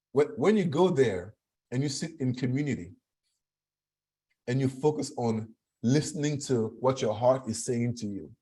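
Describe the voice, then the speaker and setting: A man from Cameroon talks as a guest over a video call in a mellow, husky voice. He speaks earnestly, pressing his points and repeating words for emphasis. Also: medium pitch. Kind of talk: conversational talk.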